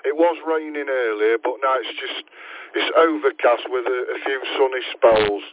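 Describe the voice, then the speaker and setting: A man chats easily on a ham radio call from his parked van, restarting phrases as he goes. His voice has an ordinary pitch. It reaches the listener through a narrow, tinny radio channel. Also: moderate pace. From English Midlands. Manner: relaxed, chatty, often restarting phrases. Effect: heard over a ham radio link. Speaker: amateur radio operator.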